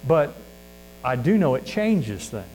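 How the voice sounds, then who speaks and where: An earnest, folksy preacher with a Missouri accent delivers a sermon in a medium, mid-range voice that swings widely in pitch, slow and a little mellow. He uses many fillers and restarts. The recording is low quality, with a light mains hum.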